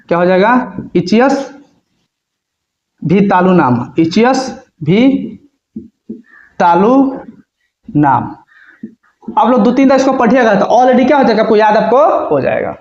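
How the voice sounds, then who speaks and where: High-voiced man teaching in a roomy echo. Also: darkish tone. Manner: repetitive, asks and answers his own questions. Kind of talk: whiteboard grammar lesson. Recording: roomy, dull lo-fi sound.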